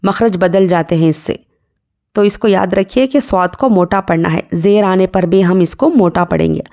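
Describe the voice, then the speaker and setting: A woman teaching Quran recitation rules, spelling out letters and vowel marks slowly and asking her students rhetorical questions. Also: on the low side, mellow, muffled recording. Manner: patient, drawn-out syllable-by-syllable drilling with rhetorical questions.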